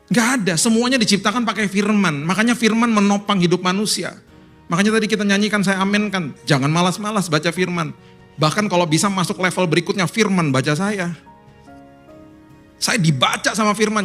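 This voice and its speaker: A male pastor from Indonesia preaching a sermon, jumping between low and high tones and acting out the voices of the people he quotes. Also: fairly bright tone. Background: faint music.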